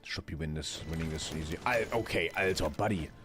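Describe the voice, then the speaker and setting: A man's voice: low-pitched, a little fast, a bit bright. A man, streaming a strategy game live, chatting with his viewers and swearing casually. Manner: swearing, chatty, reading chat aloud. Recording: faint music behind.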